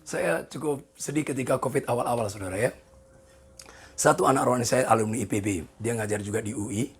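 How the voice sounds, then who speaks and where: A pastor in his sixties preaching a sermon, animated and joking with the congregation, with a gravelly, husky voice. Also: mid-range voice, fast talker. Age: 60s. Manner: animated, jokes with the congregation, voices people in quoted asides.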